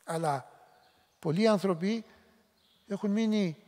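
A man's voice: high voice, a little mellow. A middle-aged man giving a public lecture in a conversational way, now and then acting out short quoted lines. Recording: long hall reverb.

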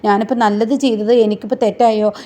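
A woman's voice: mid-range voice, flat delivery, quick pace, dark tone, close to an everyday voice. A woman voicing an indignant, pleading young woman, a protective younger sister.

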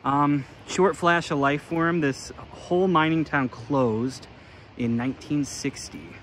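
A young man casually narrating an outdoor exploring vlog in snowy woods, talking in a relaxed, unsure way with plenty of fillers. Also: fairly high pitch, measured pace, slight background noise, low-quality recording. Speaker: vlogger.

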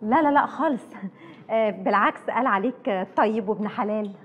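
An actress playing a cheerful young university student. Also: female voice, mid-range voice, brisk, natural voice. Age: young adult. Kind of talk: Egyptian film acting. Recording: tinny phone-like sound with reverb.

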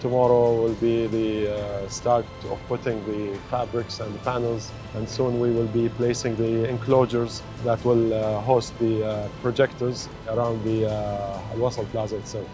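A man speaking as a site engineer in an on-site interview, halting with many pauses, outdoors on a construction site. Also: mid-range voice, level tone. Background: music bed.

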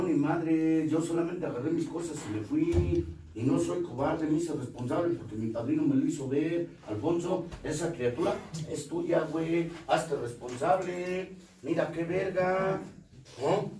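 Middle-aged man, Mexican accent, crude lecturing testimony, fairly high voice, echoey room, distant mic. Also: dark tone. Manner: coarse, profanity-laden, lecturing. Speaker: speaker at a recovery group meeting. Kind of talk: confessional testimony. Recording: roomy, distant mic, faint noise.

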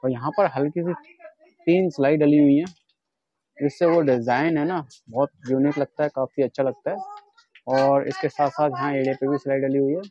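A man's voice: medium pitch, steady tone, normal speed, mellow, lo-fi sound. A man from India giving a chatty walkthrough of leather shoes in a casual vlog, often calling out to his viewers as friends. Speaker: vlogger showing shoes for wholesale. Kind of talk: casual product demonstration vlog.

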